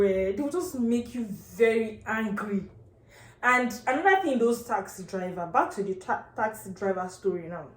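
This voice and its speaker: A woman with a Nigerian accent telling a casual story as a rant, exasperated and emphatic, repeating phrases for effect. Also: medium pitch. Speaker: vlogger. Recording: echoey, reverberant room sound.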